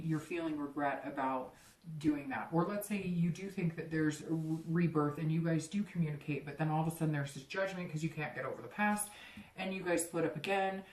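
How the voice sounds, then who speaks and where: A woman's voice: sits low, a little mellow, roomy sound, far from the mic, low-quality recording. A woman giving a chatty, rambling tarot reading, full of fillers and restarts. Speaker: tarot reader.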